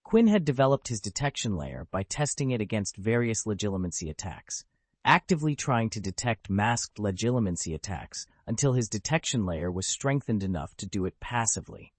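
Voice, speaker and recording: Low voiced guy narrating a novel, very dry sound, steady reading. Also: fairly quick, dry recording. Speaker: audiobook narrator. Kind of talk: scripted narration.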